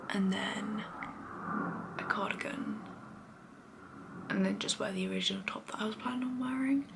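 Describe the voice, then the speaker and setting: Whispering young British woman, gravelly. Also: medium pitch. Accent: British English. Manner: soft unvoiced whisper, rambling and chatty. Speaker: vlogger. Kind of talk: whispered casual day-in-the-life chat. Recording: noisy home recording.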